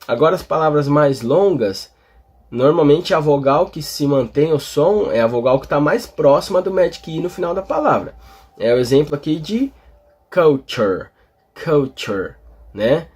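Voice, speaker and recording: A Portuguese-speaking man explaining English vowel pronunciation, talking slowly with many fillers and tag questions. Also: fairly high pitch, expressive, darkish tone, breathy edge. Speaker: English teacher. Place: in front of a display board.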